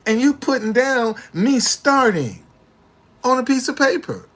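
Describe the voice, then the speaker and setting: A man in his late sixties talking casually to the camera with slangy street swagger, repeating himself in animated, indignant retorts. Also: very high voice, a little slow. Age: 60s.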